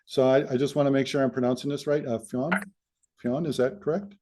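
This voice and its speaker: Dark, mellow-voiced host on a call. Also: male voice, mid-range voice, fairly even intonation, fairly quick. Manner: hesitant, filler-heavy. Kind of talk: video call moderation. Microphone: video call.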